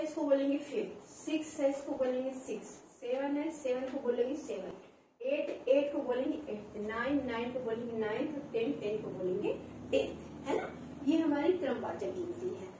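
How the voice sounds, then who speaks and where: Lady teacher going over counting with kids, keeps saying "है ना?", dark mellow voice, far off in a boomy echoey room. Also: a little hiss or hum. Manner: repeats "है ना?" often, asks and answers own questions. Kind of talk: classroom lesson for children. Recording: echoey distant room recording.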